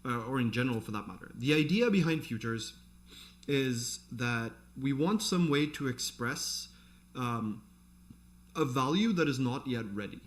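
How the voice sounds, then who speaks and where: A man's voice: medium pitch, expressive, unhurried. Man explaining code off the cuff. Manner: conversational, thinks aloud while explaining. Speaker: programming instructor. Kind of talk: informal live coding tutorial, explaining off the cuff.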